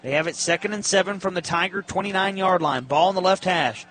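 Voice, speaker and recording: Brisk and a bit bright, a man's high-sitting voice delivers live play-by-play of a football game on radio. He uses clipped, descriptive phrasing, and faint noise and the stadium's ambience come through the live feed.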